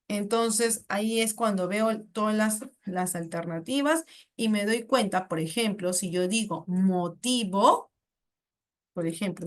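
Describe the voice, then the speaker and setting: A woman's voice: mid-range voice, fairly bright tone. Patient Peruvian woman explaining exam answers. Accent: Peruvian Spanish. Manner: patient, explanatory, with tag questions and self-corrections. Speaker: exam prep teacher.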